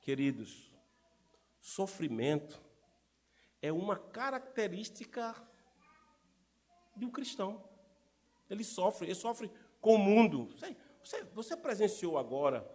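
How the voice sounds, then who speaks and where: Male pastor, middle-aged, high-pitched, lively sermon delivery with constant rhetorical questions. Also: normal speed, long pauses. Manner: animated, rhetorical questions to the congregation. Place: church.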